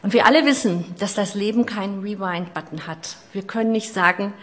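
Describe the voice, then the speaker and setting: A middle-aged woman delivers a sermon in a mid-range voice. She retells the story in a personal way, with asides about her own life. She moves between loud, emphatic lines and quiet, hushed ones. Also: medium pitch, fairly quick. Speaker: preacher.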